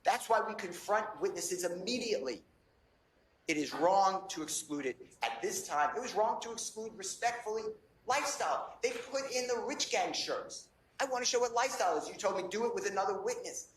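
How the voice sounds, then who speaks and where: A man's voice: high voice, expressive, brisk, echoey room, slight background noise, poor audio. A man working as a defense attorney, pleading insistently with a judge in a courtroom.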